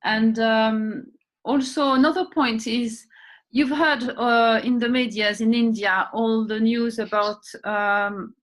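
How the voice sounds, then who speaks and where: A woman's voice: a little high, steady tone, takes it slowly, a bit bright. A woman interviewing a guest, asking questions hesitantly with many fillers.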